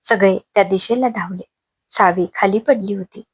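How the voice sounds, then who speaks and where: A woman narrating a dramatic family story in an expressive reading. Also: medium pitch, normal speed, husky, no room sound.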